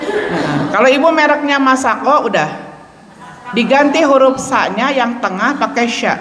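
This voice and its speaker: Unhurried and a bit bright, this Sundanese-accented woman's slightly high voice carries lively intonation as she teaches Quran recitation during Ramadan. Laughing often and playfully slipping in local words, she's recorded in a mosque hall with long, echoing reverb.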